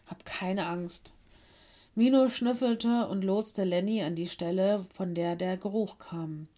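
A woman reads a children's story aloud in a calm, measured voice. Her pitch sits in the middle range. She takes her time with every sentence. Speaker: audiobook reader.

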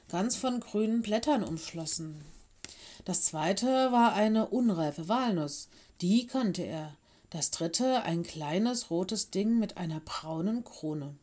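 A woman narrating a children's storybook aloud in a calm, measured way. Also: mid-range voice.

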